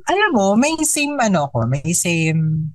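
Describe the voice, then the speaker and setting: A woman, co-hosting a podcast, telling a spooky personal story in a chatty, animated way and mixing in English. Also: fairly low pitch, a little slow, no echo, low-quality recording. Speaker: podcast co-host. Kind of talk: casual storytelling chat. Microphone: podcast microphone.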